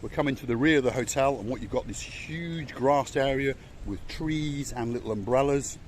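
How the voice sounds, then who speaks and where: A man's voice: mid-range voice, normal speed, a little hiss or hum. Older man, vlogger, walking tour of a hotel, enthusiastic, repeats praise words, handheld camera. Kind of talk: casual walk-around commentary. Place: outdoors and indoors in a hotel, walking.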